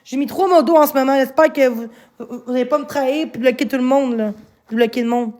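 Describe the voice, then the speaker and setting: A woman's voice: high voice, brisk, a little mellow. A woman with a Québécois accent, streaming live and angrily scolding her chat, swearing often. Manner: angry, swearing, scolding viewers. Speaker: livestreamer.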